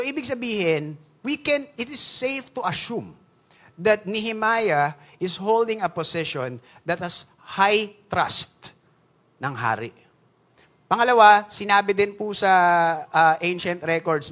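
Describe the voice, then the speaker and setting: A young adult man with a Filipino accent, preaching a casual sermon and often asking the congregation questions. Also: high-pitched. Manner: animated, playful, asks the congregation questions. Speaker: pastor. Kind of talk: conversational Taglish sermon.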